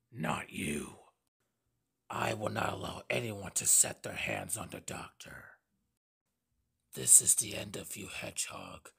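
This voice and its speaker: Man voicing a gravelly, menacing villain android hedgehog, Shadow Android. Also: on the low side, bright, forceful tone, exaggerated voice. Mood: cold menace. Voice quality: gravelly, husky. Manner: slow, grandiose, threatening delivery. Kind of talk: video game character voice demo.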